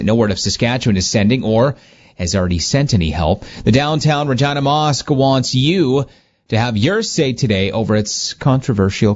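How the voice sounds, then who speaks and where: A man reading the morning news as a radio anchor, in a steady, measured delivery, heard through a small tinny radio. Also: on the low side. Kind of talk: scripted newscast reading. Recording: muffled lo-fi radio broadcast.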